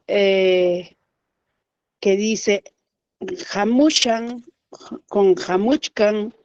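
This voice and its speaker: Hesitant woman asking slowly, dull sound. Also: medium pitch, a little mellow, no room sound. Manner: hesitant, polite, many fillers. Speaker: student. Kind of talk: asking a question in class.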